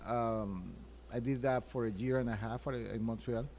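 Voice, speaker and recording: A man from Venezuela, a chef being interviewed at his restaurant, speaking earnestly and haltingly with many restarts. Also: mid-range voice, fairly even intonation, darkish tone, a little hiss or hum. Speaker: chef and restaurant owner, guest. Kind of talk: interview answers.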